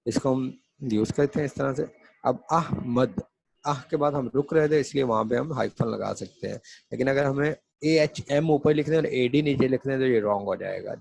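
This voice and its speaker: Gravelly, husky male grammar teacher. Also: mid-range voice, darkish tone. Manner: explains in Hindi, reads English examples slowly. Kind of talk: classroom grammar lesson.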